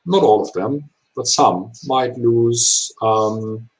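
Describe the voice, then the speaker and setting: A man of 39 who is not a native English speaker gives interview answers in halting, imperfect English full of hesitations. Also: mid-range voice, poor audio. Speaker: HR professional being interviewed.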